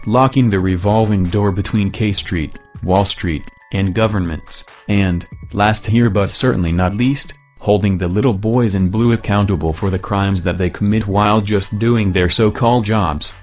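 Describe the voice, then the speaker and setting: Man, disguised deep voice, low-pitched, solemn measured declamation, scripted manifesto, faint music behind. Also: a little mellow. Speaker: anonymous activist spokesman.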